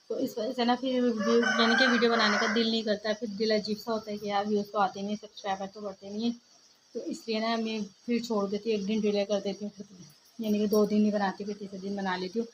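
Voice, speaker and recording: Young woman, home vlogger, flat and soft chatty delivery, noisy phone recording. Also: mid-range voice. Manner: chatty, rambling with many fillers; speaks softly so as not to wake her child. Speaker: family vlogger. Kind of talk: casual home vlog. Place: home, indoors.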